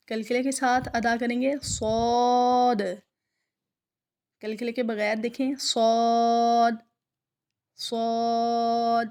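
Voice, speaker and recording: A woman teaching a recitation lesson, patiently explaining each letter and drawing its sound out slowly. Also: fairly high pitch, darkish tone. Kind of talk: tajweed lesson, slow letter drills.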